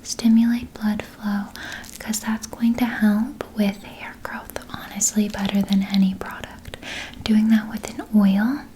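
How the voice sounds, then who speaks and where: A woman playing a gentle, caring spa hair therapist in a whispered role-play, speaking in a soft breathy whisper and reassuring her client as she explains. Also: mid-range voice, steady tone, a little slow, slight background noise, natural voice. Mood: gentle, attentive.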